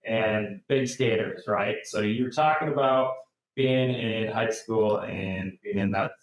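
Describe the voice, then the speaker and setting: A man's voice: fairly low pitch, unhurried, heavy reverb, rough recording. A man hosting a podcast, talking in a laid-back, slangy way. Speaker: podcast host. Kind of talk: casual interview chat.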